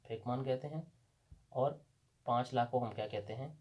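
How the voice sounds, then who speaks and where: A man's voice: mid-range voice, normal speed, muffled recording. A man with a Pakistani Urdu accent teaching a language lesson at a board, patiently asking questions and answering them himself.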